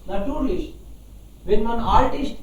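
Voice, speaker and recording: A woman's voice: fairly high pitch, lively intonation, slow. A woman teacher explaining a fairy tale in a language lesson, patiently repeating and explaining words. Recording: echoey room, far from mic.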